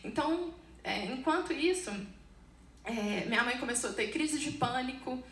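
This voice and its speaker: A Brazilian woman gives a personal testimony in church, earnest and halting, restarting her sentences as she goes. Her fairly high voice has a gravelly fry, heard from a distance in a roomy hall with faint background noise. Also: lively intonation, a bit bright. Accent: Brazilian Portuguese. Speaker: church member giving testimony.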